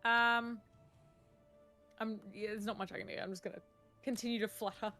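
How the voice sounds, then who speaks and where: A woman playing a tabletop game, playful and quick to giggle. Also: fairly high pitch, flat delivery, pushed and bright, faint music behind. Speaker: player. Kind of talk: casual tabletop play.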